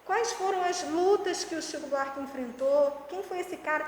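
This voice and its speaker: High-voiced woman in an echoey room. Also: normal speed. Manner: animated, gives teaching tips with examples. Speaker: educational psychologist guest. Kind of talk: casual explanatory chat. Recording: echoey room with faint noise.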